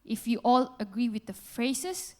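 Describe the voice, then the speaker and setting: A woman's voice: fairly high pitch, animated, unhurried. A young woman from Indonesia, an English speaker, tells a personal story on stage to a festival audience in simple, earnest phrasing. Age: young adult. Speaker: youth panel speaker. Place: large hall at a festival, on stage.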